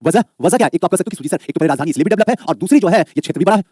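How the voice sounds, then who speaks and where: This history teacher's voice is a little high and slightly rough, captured in studio quality without echo. Teaching a live online exam-prep class, he talks fast and with energy, coaxing his "babu" students and posing questions he then answers himself.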